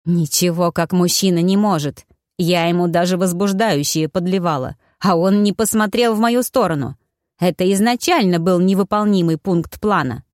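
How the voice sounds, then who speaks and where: Чтица изображает капризная баронесса-интриганка. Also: female voice, lowish voice, normal speed, darkish tone, dry recording, clean studio sound, lightly acted. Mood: indignant. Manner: indignant, whining, sneering. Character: spoiled scheming young baroness, whiny and sharp-tongued.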